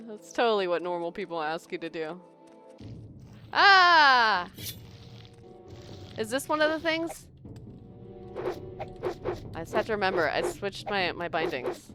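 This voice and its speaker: A woman's voice: medium pitch, expressive, measured pace, long pauses, faint music behind. A woman streamer giving casual, playful gameplay commentary, chatting to viewers and thinking aloud. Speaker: game streamer.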